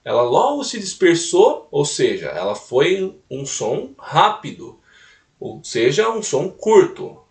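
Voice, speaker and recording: A man's voice: fairly high pitch, huge pitch swings, slow. A man teaching a recorded music lesson, explaining step by step and tagging points with little questions. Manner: explanatory, repeats points with "né?" tags. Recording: roomy echo, mic at a distance.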